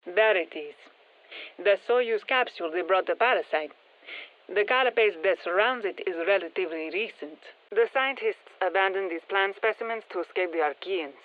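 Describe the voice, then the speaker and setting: Voiced by an actress with a Spanish accent, this video game scientist and engineer is a brisk, sharp-minded woman studying an alien parasite while briefing operators. She speaks at medium pitch, matter-of-fact and technical. The processed audio is narrow and tinny, like thin band-limited radio with some long hall reverb.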